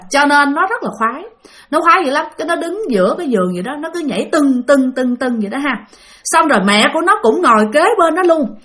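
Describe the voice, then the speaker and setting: A woman tells a spooky tale in a casual, chatty way and keeps addressing her listeners. Her voice sits on the higher side and moves through a very animated melody. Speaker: storyteller. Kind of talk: casual ghost-story narration.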